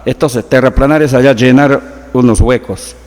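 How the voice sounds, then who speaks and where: A man's voice: mid-range voice, fairly even intonation, moderate pace, a little mellow, long reverb tail. A man from the Peruvian Amazon with a Peruvian Amazonian Spanish accent, a researcher being interviewed, explaining patiently with examples. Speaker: guest, researcher.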